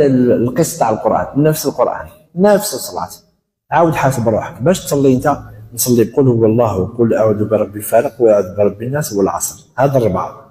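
An Algerian man delivers a religious talk at a brisk clip, turning his points into small acted-out exchanges. His voice is dark and mellow, and it carries through a roomy hall with a long reverb tail. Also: mid-range voice. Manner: quick, animated, acts out little dialogues. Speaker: educational counselor. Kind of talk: religious lecture in dialect.

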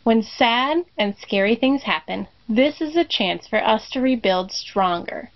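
Woman, middle-aged, higher voice, children's sermon reflection, deliberate repeated refrain, dull lo-fi sound. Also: animated. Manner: slow, deliberate repetition of a refrain. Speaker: congregation member giving a reflection.

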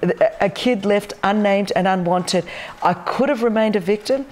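A woman's voice: mid-range voice, normal speed, a little mellow. A woman in her fifties, a guest on a talk show, telling her story with passion and emphasis. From Australia. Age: 50s. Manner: passionate, emphatic, gestures constantly with both hands. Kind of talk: animated testimony on a talk show. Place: large wood-beamed studio loft set.

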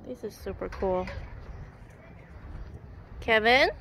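A woman's voice: mid-range voice, slow, background noise. A woman vlogging at an outdoor playground on a handheld camera, describing what she sees and coaxing her child to play. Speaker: vlogger filming her kids. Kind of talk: casual vlog narration.

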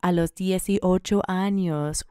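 Speaking slowly with fairly even intonation, this Colorado woman in her 60s addresses a conference-room panel through a handheld mic, blunt, emphatic and fond of rising rhetorical questions. Her voice is fairly low, mellow and clean. The studio-quality sound is free of room noise.

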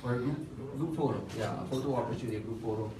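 A man's voice: medium pitch, quick pace, noisy background. Young man emceeing at a lectern, echoey room. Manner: polite, formal, hesitant with frequent uh fillers. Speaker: master of ceremonies. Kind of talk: formal award ceremony emceeing. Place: hotel function room, at a lectern. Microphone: lectern microphone, filmed from far off. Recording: roomy far-off hall sound with music. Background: background music.

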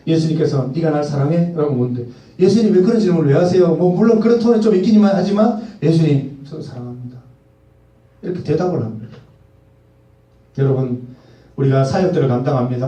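A man's voice: high voice, mellow, far from the mic. A man in his forties preaching a sermon to a youth service in a conversational way, asking the congregation questions and acting out quoted lines. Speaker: pastor. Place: church hall. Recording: echoey hall, mic from afar.

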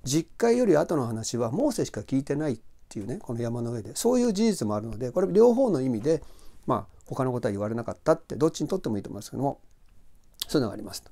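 A man's voice: medium pitch, big pitch swings, fast talker, dark tone. A middle-aged man hosting a casual Bible talk, chatting loosely with many fillers and asides. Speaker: host of a Bible talk channel.

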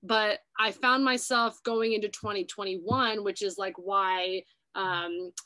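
A woman's voice: mid-range voice, fairly even intonation, slow pace, pushed and bright. A young woman hosting a casual chat, talking loosely with lots of filler words. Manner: chatty, many "like" fillers. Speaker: YouTube host. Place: New York City.

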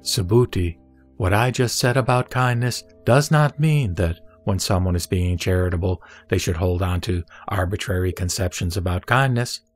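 In an audio drama of scripture with background music, a deep-voiced man plays the Buddha as a serene teacher instructing a disciple. His delivery is measured, solemn and didactic, with a calm, instructive mood.

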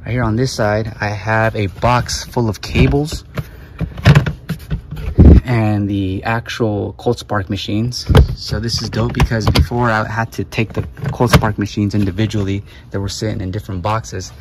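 A man's voice: fairly low pitch, unhurried, very noisy. A man vlogging about his photo booth business, talking casually and energetically to camera while he loads his gear outdoors. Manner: energetic, hypes himself up, playful. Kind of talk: casual vlog talk to camera. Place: outdoors by a vehicle, loading equipment.

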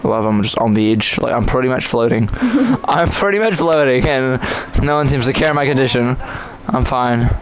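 A man's voice: medium pitch, level tone, moderate pace, a little hiss or hum, rough recording. A man giving casual, jokey commentary on his own gameplay, chatting to himself and to other players.

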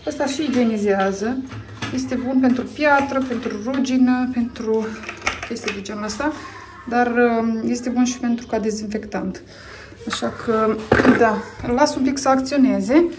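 Chatting while she cleans, a Romanian mom-vlogger in her thirties records a casual clean-with-me video on her phone inside the family home, with frequent pauses and fillers. Her voice runs a little high, and the background is noisy.

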